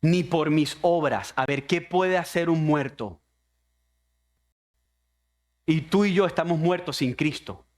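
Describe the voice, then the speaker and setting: A man's voice: a little high, slow, long pauses, a little mellow. A man preaching a sermon as pastor, impassioned and speaking straight to the congregation as his brother. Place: church.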